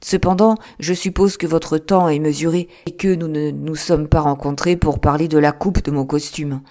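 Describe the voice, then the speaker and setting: A woman voicing a brisk, businesslike male lawyer in an audiobook, quick to take offence. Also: sits low, steady tone, dark tone, natural voice. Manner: plain, businesslike, quickly irritated. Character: brisk, touchy middle-aged male lawyer. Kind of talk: audiobook character reading.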